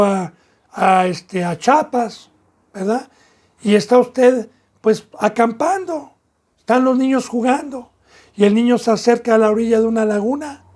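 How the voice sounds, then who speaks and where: A man's voice: high-pitched, a little mellow. A man with a Mexican accent preaching a sermon as pastor, with emphatic, repetitive phrasing that rises in bursts.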